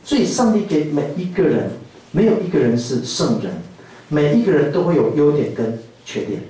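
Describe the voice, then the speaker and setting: A male pastor with a Taiwanese Mandarin accent, giving a playful, animated sermon to a youth camp. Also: fairly high pitch, normal speed. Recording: echoey hall from far off.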